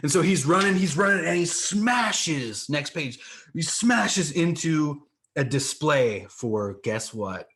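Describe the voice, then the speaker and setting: A man's voice: on the high side, animated, slow, a bit bright. A man co-hosting a comic book podcast, talking casually and acting out the panels with sound effects. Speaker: podcast co-host.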